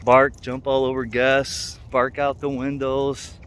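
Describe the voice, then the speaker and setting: Walking outdoors in a neighborhood amid ambient street noise, a man vlogs as a dog trainer, speaking slowly with a completely flat delivery. His voice is medium in pitch, and his talk is rambling, plain-spoken, and conversational.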